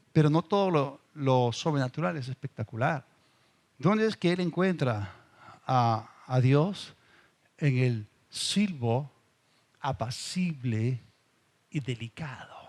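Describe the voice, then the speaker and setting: A middle-aged male pastor preaching a sermon, dropping to a hush and rising to emphatic bursts. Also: a little high.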